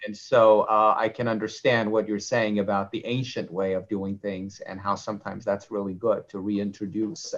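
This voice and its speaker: A man's voice: on the low side, lo-fi sound. A man from Iran hosting an alumni video chat, graciously thanking the guests and reading the audience's questions aloud. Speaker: event host and moderator.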